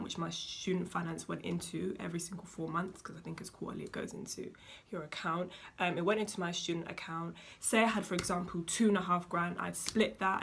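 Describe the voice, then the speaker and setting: A woman's voice: on the low side, creaky, fairly bright tone. A young woman, giving chatty, emphatic money advice to her viewers with casual slang. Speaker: vlogger. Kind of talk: casual advice talk to camera.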